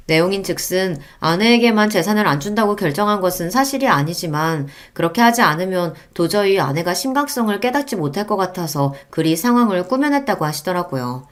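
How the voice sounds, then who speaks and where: A woman calmly reading a scripted first-person story as narrator. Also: fairly low pitch. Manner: calm, even storytelling.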